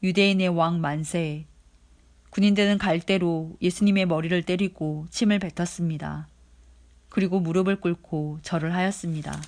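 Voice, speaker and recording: Steady, measured Bible reader. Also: mid-range voice. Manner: steady, measured reading pace. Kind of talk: scripture reading.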